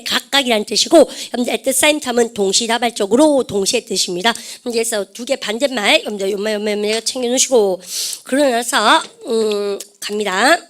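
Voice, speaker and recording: Quizzing female English teacher. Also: fairly high pitch. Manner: calls out questions and has students repeat words; switches between Korean and English. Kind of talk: classroom lecture.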